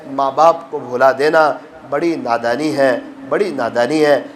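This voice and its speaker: A man preaching a sermon, telling moral stories with emotion and acting out the voices of the people in them. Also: steady tone. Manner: emotional, acts out quoted voices with rising pitch. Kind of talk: sermon with storytelling.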